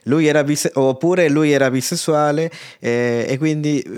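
A man's voice: a little high, moderate pace, a little mellow, clear, resonant tone, dry recording, studio quality. A man hosting a conversational interview, explaining and asking as the host.

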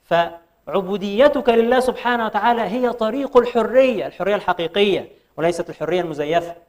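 High-voiced Egyptian preacher. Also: male voice, lively intonation. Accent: Egyptian Arabic. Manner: rhetorical questions, recites verses slowly. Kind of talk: religious lecture.

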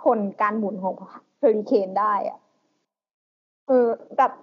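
A woman co-hosting a podcast in loose, slangy casual chat, halting often with fillers. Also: muffled recording. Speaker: podcast co-host.

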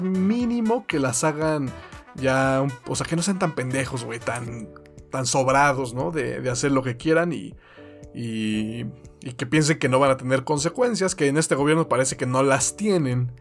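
A Mexican man co-hosting a podcast, chatting casually in laid-back, slangy, sweary bro talk. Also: mid-range voice. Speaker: podcast co-host.

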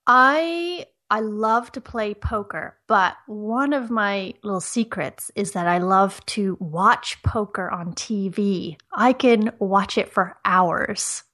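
A woman's voice: medium pitch, takes it slowly, hardly any pauses, bright, forceful tone. A woman from Ireland, a guest on a trivia podcast, chatting casually and laughing easily over a remote call. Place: home near Toronto.

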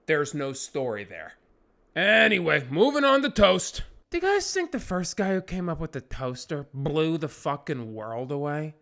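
A man hosting a podcast alone, rambling through a profane comedic rant. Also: on the high side. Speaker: podcast host.

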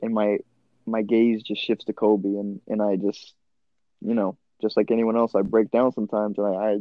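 A man's voice: lowish voice, flat delivery, normal speed, no echo. A man speaking earnestly and emphatically in a casual conversation as a podcast co-host. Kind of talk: casual chat. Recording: slightly dull, dry sound.

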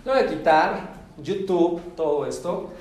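A man giving a lively talk to an audience, asking them questions and acting out little scenes. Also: a little high, measured pace. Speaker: speaker giving a talk on forgiveness. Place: large hall before an audience. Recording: echoey hall, voice from far off.

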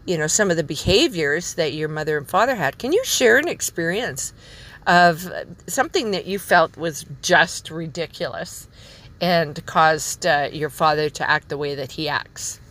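A woman's voice: low voice, expressive, moderate pace, fairly bright tone. A woman hosting a podcast in a conversational style, introducing and questioning a guest. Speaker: podcast host.

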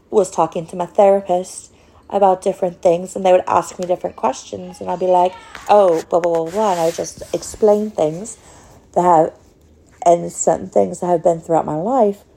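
Slow, gravelly, low-voiced woman. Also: mellow. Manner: rambling, with many fillers. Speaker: podcast host. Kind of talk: casual personal monologue.

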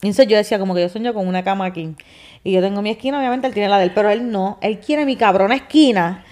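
A woman's voice: medium pitch, fast talker, darkish tone. A young woman with a Puerto Rican accent co-hosting a casual chat, teasing her partner and laughing often. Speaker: podcast co-host.

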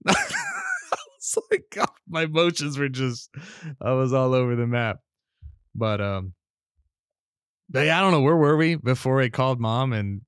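A man hosting a casual podcast, swapping childhood stories with an animated, storytelling delivery. He slips into the voices of the people in his tale. His voice sits at an everyday middle pitch, and the recording is dry and close, with no room sound. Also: clear, resonant tone, no room sound. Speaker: podcast host.

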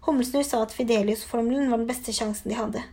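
A woman reading an audiobook, voicing a gruff, pompous male minister who speaks brusquely in a lowered, grave tone. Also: a little mellow.

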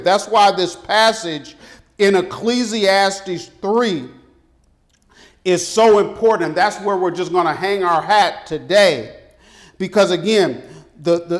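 Give the voice of a male preacher with a notably high pitch for a man and a slow, deliberate pace. He delivers a motivational sermon emphatically, repeating phrases and stretching the important ones so they land.

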